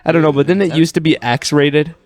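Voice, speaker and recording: A man's voice: a little high, steady tone, fast talker. A young man joking around as a podcast guest in casual banter. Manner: goofy, joking.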